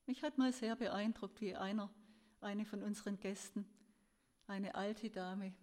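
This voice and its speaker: A woman giving a sermon in an earnest, gentle storytelling way, her voice rising and falling as she tells a story. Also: medium pitch, steady tone, measured pace. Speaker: preacher.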